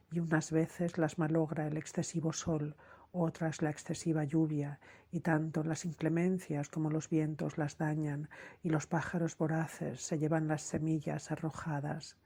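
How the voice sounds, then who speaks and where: A woman narrating an audiobook of classical myths in a steady, measured reading. Her voice is dark and husky, with little rise and fall in pitch. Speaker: audiobook reader.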